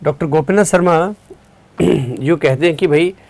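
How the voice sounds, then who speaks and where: Calm unhurried male teacher. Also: a little high, a little hiss or hum. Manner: calm unhurried explaining, quizzing students and reading out chat. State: tired at the end of the day. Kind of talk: live online exam-prep class.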